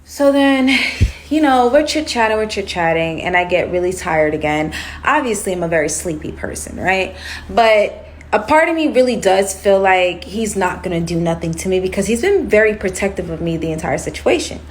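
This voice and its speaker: A woman telling a personal story to her viewers in a casual storytime vlog, animated and chatty, calling them y'all and saying "like" often. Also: mid-range voice, moderate pace, slight background noise. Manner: animated, addresses viewers as y'all, heavy use of "like".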